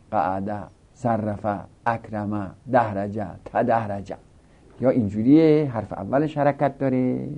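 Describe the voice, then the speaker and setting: A man teaching a grammar lesson, explaining a text slowly and repeating example words one after another. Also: medium pitch, warm tone. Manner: slow, repetitive, drills example words. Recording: dull lo-fi recording.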